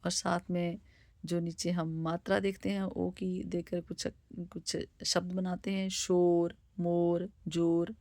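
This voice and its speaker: A woman teaching vowels, reading words out slowly one by one as a teacher. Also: lowish voice, level tone, a little mellow, no echo. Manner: slow, deliberate word-by-word reading. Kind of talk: slow spoken Hindi alphabet lesson.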